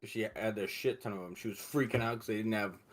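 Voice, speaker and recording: A man's voice: on the low side, fast. A man co-hosting a podcast from home, joking and teasing in casual chat. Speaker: podcast co-host.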